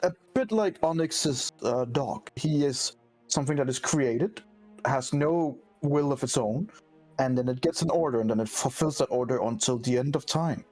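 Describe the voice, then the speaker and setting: A man's voice: mid-range voice, normal speed, darkish tone, soft background music, low-quality recording. A man acting as game master, narrating a tabletop role-playing game and talking casually with players.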